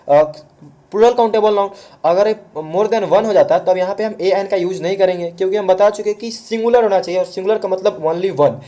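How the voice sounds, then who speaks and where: A man teaching grammar online speaks in a high-sitting, mellow voice. He goes patiently step by step, answering questions he raises himself, and slips English words into his Hindi.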